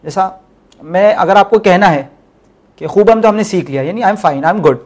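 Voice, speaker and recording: A man teaching a Farsi class, drilling syllables slowly and explaining in a mix of Urdu and English. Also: high voice, darkish tone. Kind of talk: language lesson.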